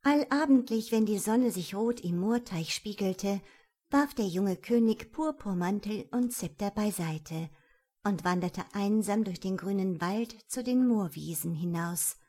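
A woman reading a fairy tale aloud in a lively storytelling manner. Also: medium pitch, unhurried. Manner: lively storytelling, voices the characters.

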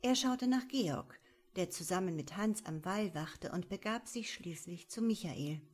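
Woman, narrator, scripted audiobook reading, steady storytelling. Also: fairly low pitch, a little slow.

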